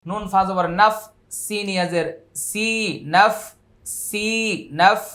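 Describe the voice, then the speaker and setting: Slow-chanting Bangladeshi Quran teacher, man. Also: sits high, steady tone, pushed and bright. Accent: Bangladeshi Bengali. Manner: slow drawn-out chanted recitation between brisk spelling drills. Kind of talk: spelling out Quran recitation letter by letter.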